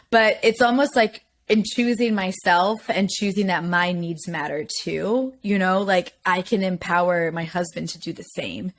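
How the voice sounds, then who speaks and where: A woman hosting a podcast, chatting candidly and laughing often while sharing anecdotes. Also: lowish voice. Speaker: podcast host. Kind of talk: conversational podcast interview.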